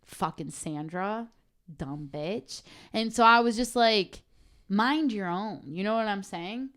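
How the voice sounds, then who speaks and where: A woman's voice: mid-range voice, measured pace, fairly bright tone. A young woman co-hosting a podcast, telling a story in a heated, profane, casual way. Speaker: podcast co-host. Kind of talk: casual chat.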